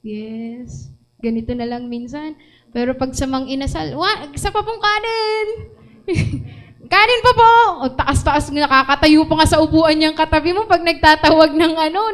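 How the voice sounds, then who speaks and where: A woman preacher with a Filipino accent delivering an animated sermon, mixing Tagalog and English and asking the congregation questions. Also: high-pitched, poor audio.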